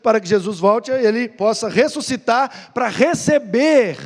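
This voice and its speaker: A pastor with a Brazilian accent teaching a Sunday Bible class, explaining with rhetorical questions and stories. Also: male voice, very high voice, normal speed. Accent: Brazilian Portuguese. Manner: lively, storytelling, rhetorical questions. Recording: long hall reverb.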